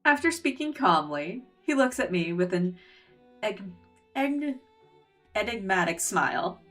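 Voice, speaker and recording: A woman's voice: mid-range voice, big pitch swings, unhurried, a bit bright, recorded from a distance, faint music behind. A woman streamer reading a game's story aloud, with casual joking asides. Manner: reads narration aloud, breaks into laughing asides. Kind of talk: game reading and reaction.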